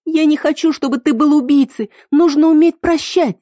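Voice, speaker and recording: A woman voicing a desperate young woman in love, pleading in high, strained, near-shouted lines. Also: normal speed, husky, dry recording, studio quality, natural voice.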